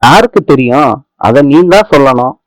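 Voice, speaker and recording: A man's voice: medium pitch, lively intonation, normal speed, no echo, close to an everyday voice, poor audio. A man voicing a cheeky male inner conscience who teases and goads. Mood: teasing. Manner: teasing, cheeky.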